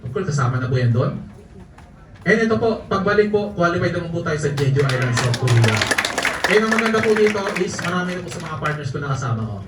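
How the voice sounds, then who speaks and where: With a fairly high pitch, a very animated delivery and fast talking, a network marketing speaker entertains a live audience with jokey travel stories, often laughing. A distant mic in an echoey event hall captures him along with the audience.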